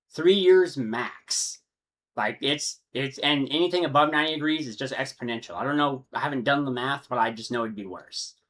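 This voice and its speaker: Texan man, slightly high voice, loose chatty how-to explainer who self-corrects. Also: bright, forceful tone. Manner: rambling, self-correcting, conversational. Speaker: insect breeder. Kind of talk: casual instructional talk. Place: his room with his insects.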